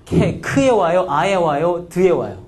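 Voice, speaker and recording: A man lectures on English grammar with a high voice that leaps up and down. He keeps asking the class questions and sounds out example words syllable by syllable. He slides between casual and polite speech. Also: measured pace. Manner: lively, asks students frequent questions; acts out pronunciations.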